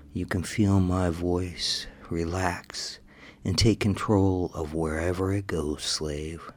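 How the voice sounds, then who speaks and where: A man's voice: sits low, darkish tone. A man leading a scripted hypnosis session in a commanding, hypnotic manner, slipping into whispers at times.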